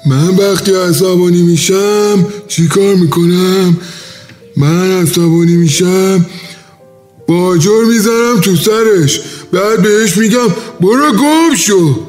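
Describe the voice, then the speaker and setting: A man's voice: high-pitched, darkish tone, faint music behind, natural voice. A man playing a strange, childish quiz contestant who talks nonsense and keeps asking if he is being teased. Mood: odd. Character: odd, childish, paranoid male contestant. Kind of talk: comedy sketch acting.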